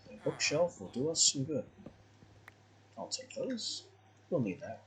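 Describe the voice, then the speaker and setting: A man's voice: on the high side, sing-song, unhurried, fairly bright tone, slight background noise. A man giving casual let's-play commentary as a gaming host, musing aloud in a wry, conversational way.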